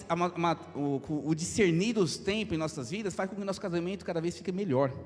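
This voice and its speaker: A Brazilian man in his thirties, a pastor preaching a lively sermon with jokes and acted asides. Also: sits high. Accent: Brazilian Portuguese. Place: church hall. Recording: long hall reverb, faint music.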